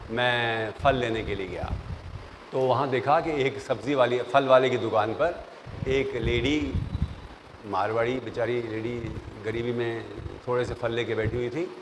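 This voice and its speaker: An older professor gives lively interview tips in a classroom lecture, telling stories, mixing in English phrases, and acting out the voices of the people in them. His voice sits at medium pitch, and the recording has long reverb and faint noise.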